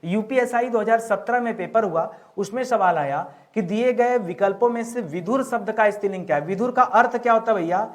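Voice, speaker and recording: Male teacher, higher-pitched voice, exam-prep grammar lesson, repeats questions and slows down on key words. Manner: repeats questions back to the viewers, calling them friends.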